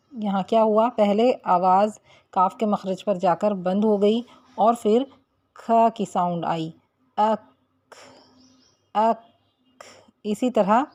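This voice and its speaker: A woman's voice: mid-range voice, darkish tone, dry recording. A woman teaching the rules of Quran recitation, explaining each rule patiently and stretching out the example syllables. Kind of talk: tajweed lesson.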